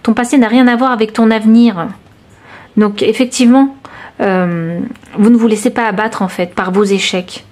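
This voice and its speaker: A woman's voice: a little high, steady tone, moderate pace, darkish tone. Hesitant woman giving a tarot reading. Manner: hesitant, searching, many fillers and restarts; intimate, reassuring, addresses viewer directly. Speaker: tarot reader. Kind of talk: intuitive tarot reading to camera.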